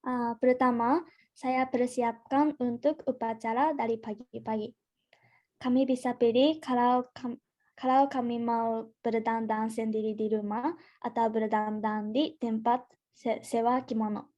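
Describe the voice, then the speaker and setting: A woman's voice: a little high, steady tone, unhurried, warm tone, lo-fi sound. A twenty-year-old woman from Japan, a native Japanese speaker, presenting as a foreigner speaking Indonesian with a Japanese accent, carefully and with restarted words. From Gifu, Japan. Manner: careful learner's delivery, repeating and restarting words. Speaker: student guest presenter.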